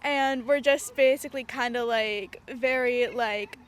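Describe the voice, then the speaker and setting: A woman cast member outdoors, answering haltingly with many "um"s and "like"s. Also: fairly high pitch, steady tone. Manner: hesitant, full of 'um' and 'like'. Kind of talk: casual interview answers. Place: outdoor theatre stage.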